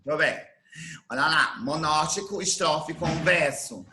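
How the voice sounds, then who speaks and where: A man from Brazil teaching an online class, explaining things slowly and repeating his definitions. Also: on the high side, a crowd in the background. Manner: slow, didactic, repeats definitions. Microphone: computer mic on video call.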